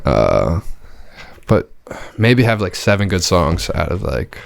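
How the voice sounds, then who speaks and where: A man chatting casually as a podcast co-host, in a hesitant, halting way. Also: low-pitched, big pitch swings, gravelly, slight background noise. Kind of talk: casual chat.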